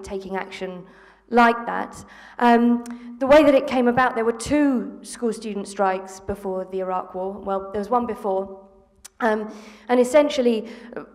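A woman in her thirties from England, a panel guest speaking earnestly into a handheld mic, with many ums and restarts. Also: medium pitch. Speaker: panel guest, former school strike organiser. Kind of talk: live panel discussion. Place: theatre stage before an audience. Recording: long reverb of a theatre hall.

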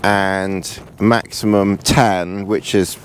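Lying in a sleeping bag in a small tent, a man who vlogs about outdoor gear chats through a camping gear review, rambling, repeating himself and chuckling. His low voice is flat and very slow, with a little hiss or hum in the audio.

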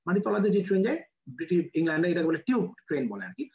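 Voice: medium pitch, animated, rapid-fire, darkish tone. A physics lecturer with a Bangladeshi Bengali accent, teaching a class and quizzing students with rhetorical questions while repeating key numbers. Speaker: medical admission physics lecturer. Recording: roomy, dull lo-fi classroom recording.

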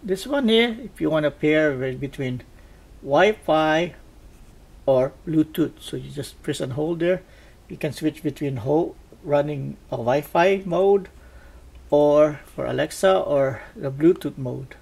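A man casually narrating a product test as a reviewer, haltingly thinking aloud. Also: a little high, gravelly, a little mellow, slightly rough. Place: indoors at a tabletop. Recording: faint background noise.

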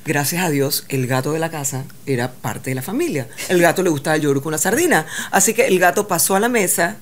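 Woman, lower register, animated podcast storyteller. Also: quick pace. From Panama. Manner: animated, acts out others' lines in shifting voices. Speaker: guest, journalist. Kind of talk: casual storytelling.

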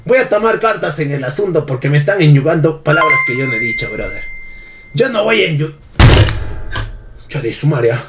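A man's voice: a little high, sing-song, a little fast, pauses often, heavy background noise. A man with a Peruvian accent, chatting dramatically and swearing on a live game stream. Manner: dramatic, swearing, mock-pleading.

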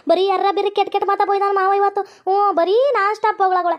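A woman's voice: very high voice, flat delivery, highs cut off. A woman doing a feisty cartoon daughter-in-law. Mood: scolding. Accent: North Karnataka Kannada. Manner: sharp, scolding, fast. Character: feisty foul-mouthed young daughter-in-law.

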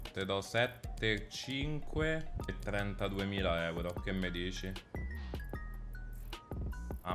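A young man plays a football game and narrates it like a jokey commentator. His pitch leaps around a lot even though he speaks slowly. Faint music sits behind his voice. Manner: jokey, swings between mumbled asides and pitched-up mock commentary. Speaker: gaming streamer. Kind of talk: mock football commentary over gameplay.

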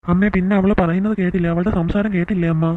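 A woman's voice: fairly low pitch, steady tone, very fast, voice pushed down, close to an everyday voice. A woman voicing a young working man in a cartoon, playing a son and husband who talks earnestly and then scolds. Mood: exasperated. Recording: tinny phone-like sound with faint hiss.

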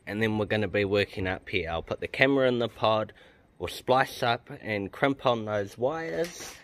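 A man with a fairly low, slightly bright voice and lively intonation hosts a car modification vlog, talking at a moderate pace. He gives offhand, casual DIY commentary on each step as he works outdoors beside the car's open bonnet.

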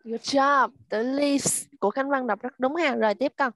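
A woman teaching children English online, slowly repeating words to drill pronunciation. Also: high-pitched, fairly bright tone, no room sound. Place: at home.

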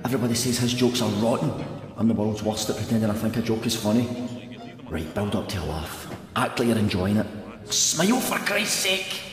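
A man's voice: lowish voice, expressive, brisk. An actor with a Scottish accent voicing an anxious man's self-critical inner thoughts in sketch comedy, urgent, with a reverb effect. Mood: anxious urging. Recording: echoing reverb over music.

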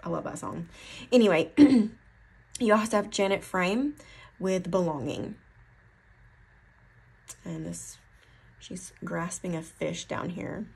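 A woman's voice: lowish voice, takes it slowly, gravelly, pauses often, a little mellow, husky. A woman with an Appalachian accent giving a casual tarot card reading, rambling and correcting herself as she thinks aloud. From Appalachian foothills, USA. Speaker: tarot reader.

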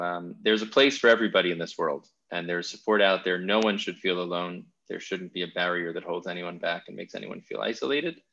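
A man's voice: sits low, vocal fry, pushed and bright, lo-fi sound. A man hosting a podcast interview, talking in an enthusiastic, thoughtful way with frequent restarts. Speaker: podcast host. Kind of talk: casual interview chat.

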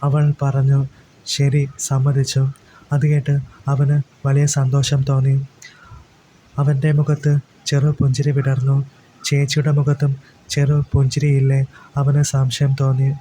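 A man reading a story aloud as storyteller, in an even, unhurried way. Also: medium pitch, slight background noise, poor audio. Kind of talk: storybook narration.

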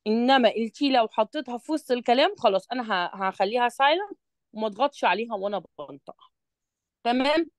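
An expressive, slightly high female voice, recorded dry, leads a one-on-one English revision lesson in an Egyptian Arabic accent. Reading English sentences at a slow, deliberate pace, she explains patiently and frequently checks her student is following.

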